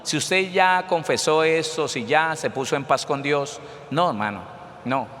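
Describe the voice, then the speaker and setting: A man preaching a sermon with fervor, calling out to the congregation and rising to shouts at times. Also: on the high side, unhurried, in a large hall. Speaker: pastor.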